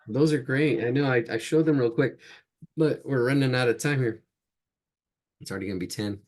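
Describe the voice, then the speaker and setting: A man's voice: medium pitch, fairly quick, darkish tone. A man teaching a live online drawing class, chatty and laughing at his own jokes as he sketches. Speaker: drawing instructor.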